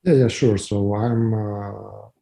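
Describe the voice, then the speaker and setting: A man from Ukraine with a Ukrainian accent, answering interview questions in halting, filler-heavy English. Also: fairly low pitch, fairly even intonation, gravelly, mellow, rough recording. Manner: halting, many fillers and restarts. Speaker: guest, company founder.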